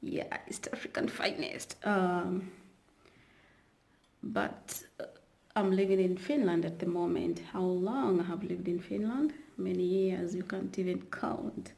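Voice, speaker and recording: A Kenyan woman YouTuber chats casually to her viewers in a rambling vlog, using many fillers and restarts. Her voice is fairly low, steady, a little slow, creaky, and mellow.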